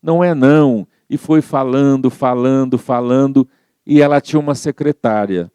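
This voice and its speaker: Guy preaching a little story, warm dark voice, repeats stuff, dry close sound. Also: mid-range voice, moderate pace, smooth, no echo. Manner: repetitive storyteller, acts out quotes. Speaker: Spiritist lecturer. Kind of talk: storytelling sermon.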